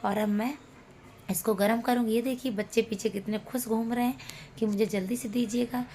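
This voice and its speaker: A woman's voice: fairly high pitch, steady tone, a little fast, dark tone, slight background noise. A woman, a mother of young children, chatting homely and playfully as she cooks in her home kitchen for her cooking channel. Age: adult, a mother of young children. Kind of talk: casual cooking vlog narration.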